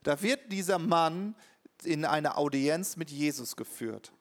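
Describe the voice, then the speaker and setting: A man interpreting a sermon live, quick and earnest, with the odd hesitation. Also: a little high, expressive.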